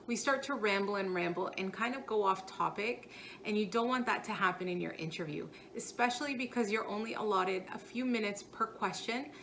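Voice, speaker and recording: A woman working as a career coach and video host gives scripted, instructional advice directly to the viewer. Her mid-range voice has a fairly bright tone, with a bit of hiss or hum in the recording.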